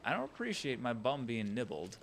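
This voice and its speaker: A man's voice: medium pitch, wildly swooping pitch, brisk, creaky, fairly bright tone, slight background noise. A man giving casual let's-play commentary, muttering wry reactions as he plays a video game.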